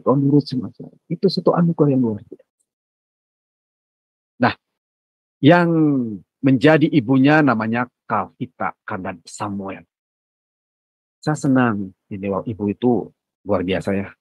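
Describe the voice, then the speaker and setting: Husky low-voiced man, sermon, dull dry sound. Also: normal speed, pauses often, no echo. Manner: conversational preaching with sudden high exclamations. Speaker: preacher.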